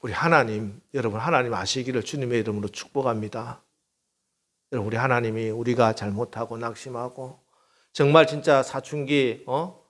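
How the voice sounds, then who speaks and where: A man's voice: mid-range voice, moderate pace. A male pastor preaching a sermon emphatically, often throwing rhetorical questions and tags at the congregation.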